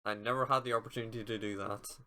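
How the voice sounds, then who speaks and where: Bright-voiced young man teasing his co-host. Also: lowish voice, steady tone, fast. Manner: teasing, dry quips. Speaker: podcast co-host. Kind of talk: casual chat.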